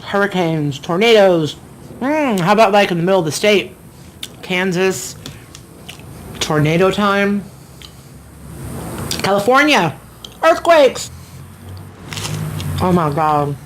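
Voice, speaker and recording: A woman's voice: medium pitch, expressive, slow, pauses often. A middle-aged woman from Florida chatting casually while eating on camera outdoors at her home, rambling between bites. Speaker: mukbang vlogger. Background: faint outdoor ambience, construction noise.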